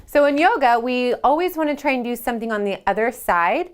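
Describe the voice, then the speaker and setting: A woman leading a children's yoga storytime at home. She reads a picture book aloud and asks the kids gentle questions. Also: on the high side, brisk, clean tone.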